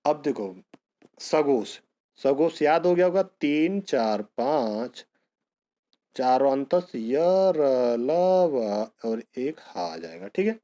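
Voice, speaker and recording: A man's voice: mid-range voice, animated, slow, warm tone. A man teaching an exam-prep grammar lesson, who asks a question and then answers it himself, calling his students bhaiya and beta.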